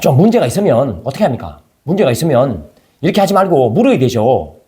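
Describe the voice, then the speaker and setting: A man's voice: mid-range voice, big pitch swings, fast talker, warm tone. A male pastor preaching a conversational sermon, firing rhetorical questions at his congregation.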